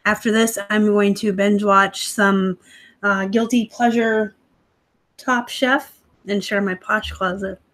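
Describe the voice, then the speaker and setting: A slow, steady, fairly bright medium-pitched voice belongs to a woman hosting a relaxed home live stream. As a livestream host and online reseller, she reads comments aloud, jokes snarkily, and laughs often, picked up by her laptop.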